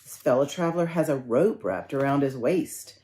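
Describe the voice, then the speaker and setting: A woman minister giving a conversational sermon, telling stories and gently guiding her congregation through a ritual. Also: extremely low pitch, normal speed. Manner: conversational storytelling, gently instructive.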